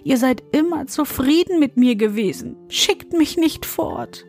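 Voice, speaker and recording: A woman voicing a frightened young girl in a fairy tale, pleading in a raised, gentle voice. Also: animated, a little slow, faint music behind. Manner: pleading, higher voice.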